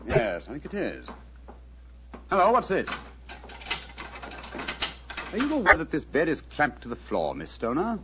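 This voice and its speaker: An actor playing Sherlock Holmes, an incisive, commanding English gentleman detective, in clipped 1940s radio drama style. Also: a little high, huge pitch swings, measured pace, pauses often, noisy background. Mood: probing. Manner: clipped, authoritative, theatrical. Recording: muffled old radio recording.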